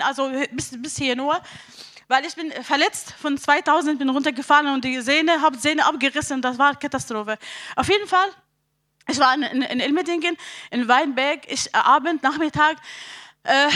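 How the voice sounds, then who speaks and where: A woman giving an emotional personal testimony in halting, non-native German full of restarts, moving between quiet recollection and loud pleading prayer. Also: sits high. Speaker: testimony speaker.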